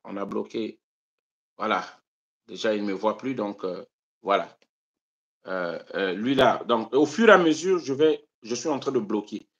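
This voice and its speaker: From his European home, a man originally from Congo-Brazzaville runs a live stream about politics for his audience. His rhetoric is fervent, and his highly animated voice moves from booming declarations down to quiet muttered side comments.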